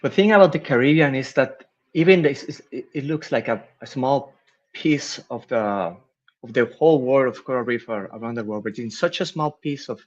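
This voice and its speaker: Middle-aged man from Costa Rica, halting panel guest, lo-fi audio. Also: medium pitch. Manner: halting, many repeated words and restarts. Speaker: marine biologist, panel guest. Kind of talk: panel discussion answer. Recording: lo-fi dull audio.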